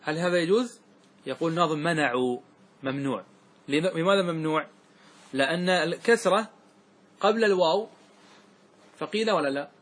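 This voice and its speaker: A man's voice: fairly high pitch, normal speed, long pauses, a bit bright. A man teaching Arabic grammar to a class, explaining a verse text, reciting lines and often checking that his students follow. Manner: keeps checking students follow, asks them questions; repeats examples and recites verses in a raised voice.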